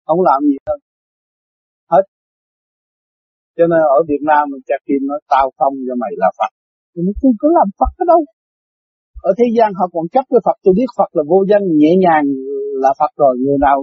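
An older man gives a chatty, story-filled dharma talk, laughing often. His voice sits fairly high and a little husky. The recording is dull and lo-fi, dry and close. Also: no echo. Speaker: spiritual teacher.

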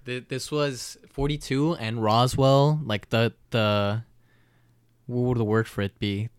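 A man's voice: mid-range voice, steady tone, takes it slowly, clean tone, no echo. A man with an American accent hosting a podcast, telling stories in wordy language with casual asides. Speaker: podcast host.

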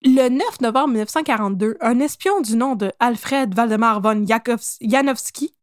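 A woman with a Québécois accent hosting a podcast, telling a history story in a casual, animated, joking way. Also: a little high, moderate pace, no echo, clean studio sound. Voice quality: animated, jokey, laughs often.

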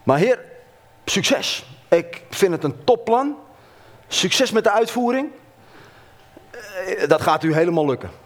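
A young Moses, put on by a preacher, speaks up with urgency and a slightly raised pitch. He sounds like an everyday man at the heart of a sermon story, plain and direct. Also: lively intonation, slow, long pauses, heavily acted. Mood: breezy. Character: young adult male Moses, urgent peacemaker.

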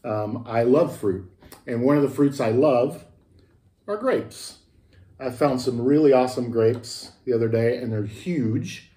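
A man's voice: mid-range voice, unhurried, mellow, reverberant. A man pastor giving a chatty, storytelling sermon that is full of restarts. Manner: chatty and anecdotal, with many restarts. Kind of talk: conversational sermon.

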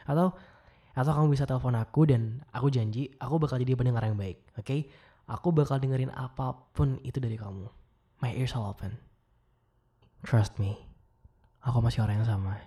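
A young man with an Indonesian accent playing a caring, wistful ex-boyfriend in a gentle, casual, intimate voicemail monologue, mixing in English. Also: mid-range voice, fairly quick, pauses often, husky. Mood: reassuring. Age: young adult.

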